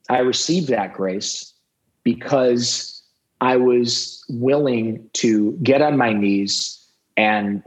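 A man with a fairly low voice speaks as a podcast guest. He tells personal stories candidly and reflectively, with frequent swearing. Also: low-quality recording. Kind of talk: personal storytelling.

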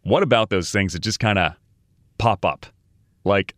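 Male podcast host, low pitch, casual punchy phrasing, dry close podcast mic. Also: unhurried, no room sound. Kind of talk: conversational podcast hosting.

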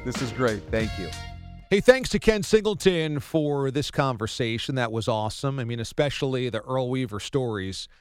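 A man's voice: medium pitch, animated, moderate pace, smooth, no echo, clean studio sound, soft background music. A man hosting a sports interview podcast in a conversational way.

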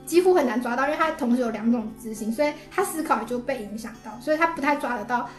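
A woman's voice: fairly high pitch, lively intonation, quick pace, roomy sound, soft background music. A woman with a Taiwanese Mandarin accent explaining things casually as a podcast guest.

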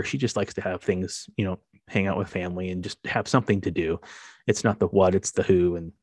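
A man's voice: sits low, a little mellow, no room sound. A middle-aged man, a podcast host, talking in a casual, rambling monologue full of fillers. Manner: rambling, conversational with many fillers.

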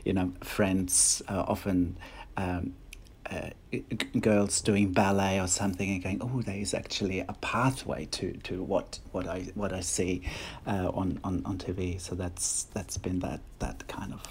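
Speaking English as his second language with a German accent, a middle-aged choreographer and dancer talks casually as a guest in an interview. His low voice has fairly even intonation and a slightly slow pace, with many hesitant restarts and fillers over a little hiss or hum.

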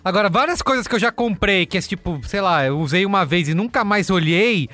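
Man, Brazilian accent, fairly high voice, reflective casual chat. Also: expressive, a little fast, sharp tone, faint music behind. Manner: reflective, agreeable, interjects often. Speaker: podcast co-host.

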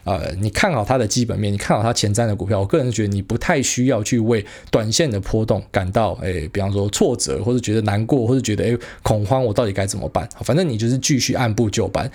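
A man's voice: on the low side, fast, few pauses, darkish tone. A man with a Taiwanese Mandarin accent hosting a podcast, giving casual solo commentary that is blunt and slangy, with frequent fillers and mild swearing. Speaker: podcast host.

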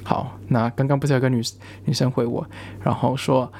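A man's voice: mid-range voice, little pitch movement, fairly quick, a little mellow, a little hiss or hum. A young man, a student, telling a rambling personal story in casual chat, with frequent restarts.

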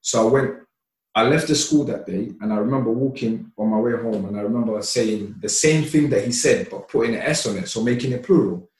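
A man from Somalia, a podcast guest, telling stories from his childhood in a relaxed, chatty way with lots of laughter and fillers. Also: mid-range voice, fairly quick. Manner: relaxed, laughs often, many "you know" fillers. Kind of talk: casual storytelling. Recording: roomy, distant mic.

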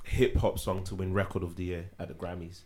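A man's voice: sits low, level tone, a little fast, a little mellow. A man with a London roadman accent and slang, giving opinions in a casual podcast discussion. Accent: London, urban roadman slang. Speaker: podcast panellist.

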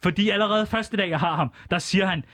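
High-voiced guy on a radio comedy bit, deadpan, rambles on with lots of uhs. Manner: deadpan rambling storytelling with hesitations. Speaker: comedian playing an interview guest. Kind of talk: comic in-character radio interview.

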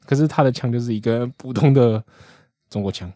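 Fast, joking man on a podcast. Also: medium pitch, warm tone, no room sound, studio quality. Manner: fast, joking, laughs often. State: about to cough. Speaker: podcast co-host. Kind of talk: casual podcast banter.

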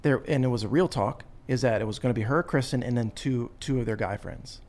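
A man's voice: mid-range voice, brisk, a little mellow. A man in his thirties with an American accent hosting a casual chat show, acting out bits of conversation and restarting his sentences. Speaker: talk show host.

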